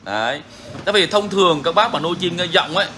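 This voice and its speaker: A man's voice: high voice, animated, quick pace, pushed and bright, a little hiss or hum. A man hosting a bird-keeping channel, talking casually and frankly to viewers, repeating himself often. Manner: frank, repetitive, chatty.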